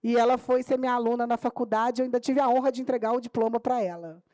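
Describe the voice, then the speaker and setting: A woman's voice: a little high, steady tone, fast, warm tone, dry recording, studio quality. A middle-aged woman teacher with a Minas Gerais accent, telling a classroom story at a public panel and acting out the dialogue as she goes. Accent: Brazilian Portuguese, Minas Gerais. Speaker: teacher and pedagogue speaking on a panel. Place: auditorium or conference room.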